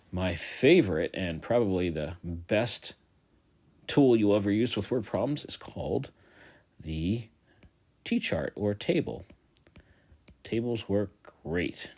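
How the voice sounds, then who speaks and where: Male teacher, low voice, casual and playful, talks students through a math review one step at a time. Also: a little mellow. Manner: chatty, joking asides, repeats steps slowly. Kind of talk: recorded math review lesson. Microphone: tablet voice-over of a whiteboard.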